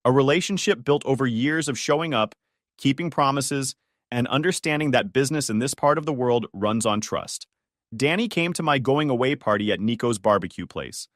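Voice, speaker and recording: Dry, measured male story narrator. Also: mid-range voice, fairly bright tone, no echo. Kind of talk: scripted first-person story narration.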